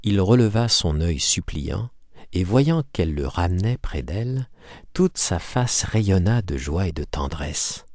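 A man's voice: low-pitched, very animated, measured pace, a little mellow, no room sound, studio quality. A man narrating a classic novel as an audiobook, reading expressively. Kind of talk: scripted literary narration.

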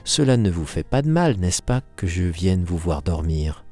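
A man voicing a deaf, hunchbacked man in a storybook reading, speaking softly, pleading and full of self-pity. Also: sits low, big pitch swings, normal speed, soft background music, full character voice. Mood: gently pleading. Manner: soft, pleading and self-pitying.

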